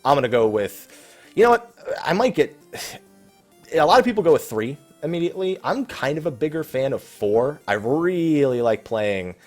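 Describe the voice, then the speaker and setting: A man who hosts a gaming Q&A show rambles in an animated, casual way, reading out viewer questions and commenting off the cuff. His voice is on the high side, his pace moderate, and soft music plays faintly behind him.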